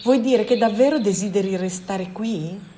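A woman's voice: mid-range voice, moderate pace, noisy background, close to an everyday voice. Woman reading as an anxious, insistent man. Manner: pleading, insistent questions. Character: pleading, insistent young man, anxious and stubborn.

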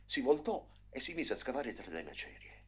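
A man reading a story aloud in an expressive, dramatic way, sometimes dropping to a hush. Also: mid-range voice, normal speed, husky. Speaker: narrator. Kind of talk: storybook narration.

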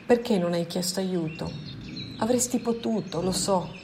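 A woman's voice: fairly low pitch, unhurried, noisy background. A woman voicing an anxious man who keeps pressing with pleading, insistent questions in a storybook reading.

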